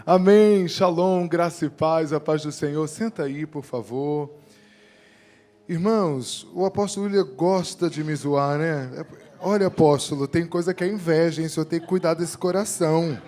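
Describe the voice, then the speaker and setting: A man's voice: fairly high pitch, unhurried, darkish tone. A man preaching a sermon, fervent, at times rising into sung declarations. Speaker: pastor.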